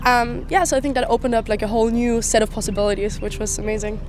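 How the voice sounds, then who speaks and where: A woman's voice: a little high, fast. Easygoing young woman from Austria. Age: 20s. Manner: relaxed and easygoing, many "like" and "you know" fillers. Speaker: interviewee, traveller. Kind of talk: street interview answers. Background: clear music.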